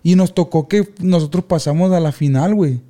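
A young man, telling childhood stories in casual podcast chat with loud outbursts. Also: a little high, a little fast. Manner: animated slangy storyteller, loud outbursts. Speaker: podcast co-host.

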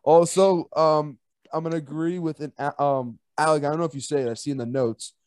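A man's voice: on the high side, fairly even intonation, fairly quick, darkish tone, smooth, no room sound, clean studio sound. A man co-hosting a casual college football betting podcast, rowdy and laughing a lot as he makes picks. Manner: rowdy, laughing, chanting fight songs. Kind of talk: casual sports betting chat.

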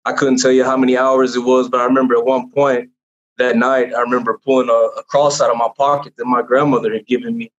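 A man's voice: mid-range voice, flat delivery, quick pace. Man, young adult, earnest and rambling, testimony, muffled lo-fi recording. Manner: earnest, rambling, with many fillers and restarts. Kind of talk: personal testimony in casual conversation. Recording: dull lo-fi sound.

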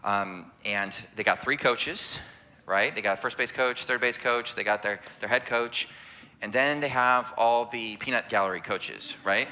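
A man's voice: medium pitch, unhurried, bright, forceful tone. A man leading a church sermon as families ministry director, preaching conversationally and often asking "right?" to draw in listeners. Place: church sanctuary.

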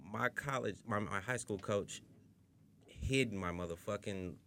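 A man's voice: fairly low pitch, a little slow, sharp tone, slight background noise. A man as a podcast guest, telling a story emphatically and swearing. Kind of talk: casual podcast chat.

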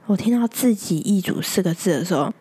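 A woman's voice: on the low side, expressive, moderate pace, warm tone, slightly rough. A young woman with a Taiwanese Mandarin accent, hosting a podcast and telling a story in a chatty, dramatic, exaggerated way. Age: young adult. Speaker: podcast host. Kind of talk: casual storytelling chat.

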